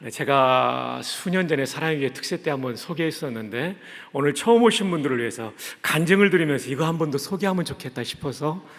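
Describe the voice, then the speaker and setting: A male guest pastor from Daejeon preaching in a warm, conversational way. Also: a little high, animated, brisk, hardly any pauses. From Daejeon, South Korea. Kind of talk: sermon. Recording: echoey church sanctuary.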